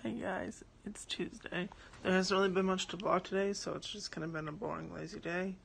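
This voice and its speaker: A woman's voice: lowish voice, fairly even intonation, fast, creaky. A young woman filming a casual home vlog on her phone, talking in a wry, joking, offhand way. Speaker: vlogger. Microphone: phone held by hand. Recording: phone recording with noise.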